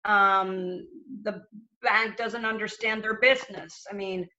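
This time the middle-aged woman from Venezuela speaks slowly at a medium pitch with fairly even intonation, her tone pushed and bright. As a panel guest who lends to small businesses, she talks earnestly and repeats words at sentence starts, in dull lo-fi audio.

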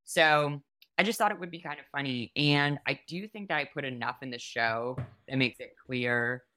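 A woman's voice: rumbling low, normal speed, bright, forceful tone. A young woman from New York, a comedian talking casually in an interview, giggling and full of fillers. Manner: chatty, giggly, lots of fillers and self-interruptions. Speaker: guest, comedian and performer.

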